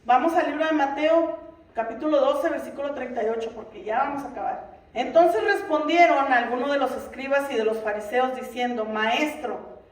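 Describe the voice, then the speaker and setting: A woman's voice: high voice, a little fast. A middle-aged woman giving a Bible lesson to a congregation, earnest and full of rhetorical questions. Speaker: Bible teacher in a church ministry. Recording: roomy echo from a distant mic.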